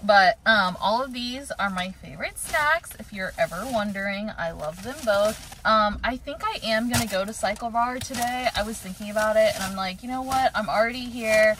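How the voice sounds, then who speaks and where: A woman's voice: medium pitch, moderate pace, hardly any pauses, a bit bright, slight background noise, rough recording. A young woman in her twenties, chatting casually to a handheld camera in a daily vlog and saying "like" a lot. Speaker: vlogger. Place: car, gym, bedroom and kitchen. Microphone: camera held at arm's length.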